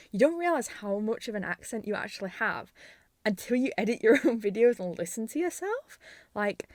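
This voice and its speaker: A woman's voice: mid-range voice, no echo. Brief: young Yorkshire woman, twenties, slight lisp, rambling giggly vlog chat, dry close sound. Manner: giggly, laughs often between thoughts. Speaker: channel host. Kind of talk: casual rambling chat to camera.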